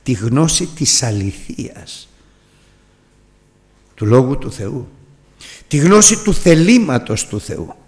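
A man preaching a sermon with passion, often swelling to near-shouts. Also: mid-range voice, big pitch swings, long pauses. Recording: long hall reverb.

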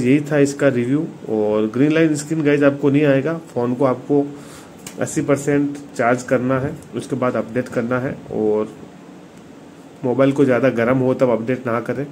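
A medium-pitched, darkish voice belongs to a tech reviewer and video host with an Indian accent, giving an informal hands-on phone review and frequently speaking to viewers. The room recording is clearly noisy.

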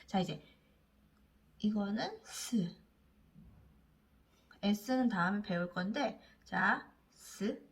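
Woman teacher sounding out letters super slow, voice bouncing up and down, gets you to repeat words. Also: medium pitch, expressive. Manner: sounds out letters slowly, coaxing repetition. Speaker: English reading teacher. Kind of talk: slow phonics lesson for learners.

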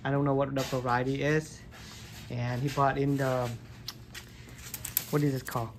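A gardening vlogger with a medium-pitched voice that barely moves speaks at a moderate pace, with background noise present. He points a handheld phone at his hands to show hand-pollination in a basement grow room, talking casually with plenty of "like" and "um."

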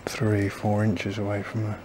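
Completely flat in delivery and a little slow, this man has a lowish voice. The gardening vlogger thinks aloud to camera as he plants in a small backyard garden, doubting himself and often trailing off. Noisy outdoor ambience is audible throughout.

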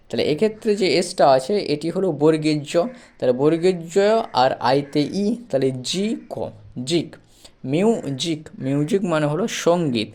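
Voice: medium pitch, darkish tone. Patient teacher, lesson delivery, spells words letter by letter and repeats them, methodical. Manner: patient, explanatory, repeats each point. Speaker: English teacher. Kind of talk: spoken pronunciation lesson.

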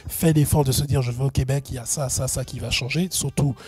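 A middle-aged man from Benin who grew up in Gabon, a guest entrepreneurship consultant, gives long, hesitant interview answers full of fillers and restarts. His voice is medium-pitched and husky, with fairly even intonation and a fast pace.

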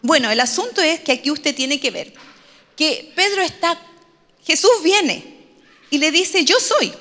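High-voiced woman pastor preaching. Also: a little slow, sharp tone, in a large hall. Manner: storytelling, conversational, humorous asides. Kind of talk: sermon.

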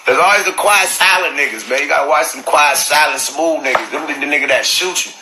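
A man's voice: a little high, quick pace. A middle-aged man telling stories on a phone livestream, profane and laughing often mid-sentence. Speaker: livestream host. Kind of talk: casual storytelling on a livestream. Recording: roomy, noisy phone livestream.

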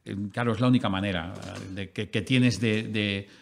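Low-voiced ironic man chatting. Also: steady tone, normal speed, creaky. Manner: ironic, rambling storyteller with frequent restarts. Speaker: guest. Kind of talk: casual podcast chat.

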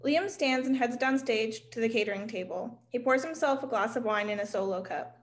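Speaking fairly quickly in a voice on the high side, a young adult woman playwright presents her play and reads out the stage directions. She is at a table in an indoor room and on a video call, with clearly noisy room sound.

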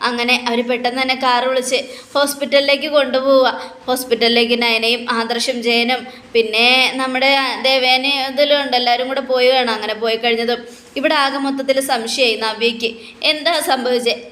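A woman's voice: on the high side, little pitch movement, fairly quick, fairly bright tone, reverberant. A woman retelling a TV serial plot in a chatty, casual way, with fillers and restarts. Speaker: serial recap narrator.

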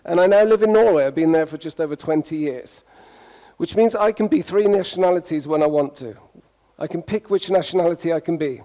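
Animated man giving a keynote in a hall. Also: a little high, brisk. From United Kingdom. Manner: playful, engages audience with questions. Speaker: conference speaker. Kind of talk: humorous keynote talk. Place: conference hall.

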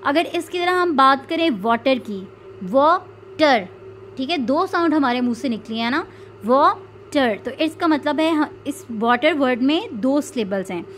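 A woman's voice: sits high, expressive, normal speed, few pauses, a bit bright, a little hiss or hum. A woman teaching an English grammar lesson. She explains step by step and answers her own questions. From Pakistan.

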